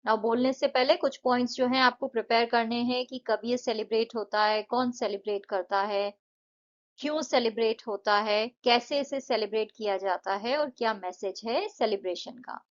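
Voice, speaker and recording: A woman's voice: on the high side, steady tone, highs cut off. Woman teacher explaining English exercises. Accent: Indian English. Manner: explains step by step, stretches out words slowly to model syllables. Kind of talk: Hindi-English exercise walkthrough.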